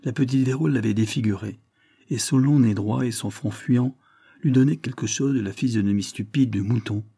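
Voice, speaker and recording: A man reading a classic novel aloud in measured first-person narration. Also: mid-range voice, gravelly, mellow. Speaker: audiobook reader.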